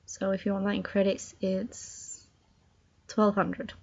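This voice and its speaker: Hiccuping woman, slow casual vlog. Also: medium pitch, monotone, darkish tone, slightly rough. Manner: reads jokes aloud haltingly, laughs at own slips. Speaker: vlogger. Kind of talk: casual video chat. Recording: dull lo-fi home recording.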